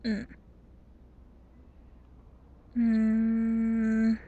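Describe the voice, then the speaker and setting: A woman's voice: fairly high pitch, monotone, very slow, dark tone, highs cut off. A young woman casually commenting on a game she is playing, mumbling and thinking aloud. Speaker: let's play gamer.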